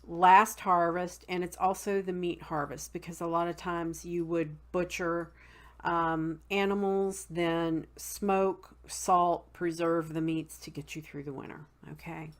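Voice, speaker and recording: A woman's voice: on the low side, fairly even intonation. A woman with a Southern US accent explains seasonal customs in a casual teaching talk, stopping often on "um" and spelling words out letter by letter. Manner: unhurried, many ums, spells words out. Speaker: host.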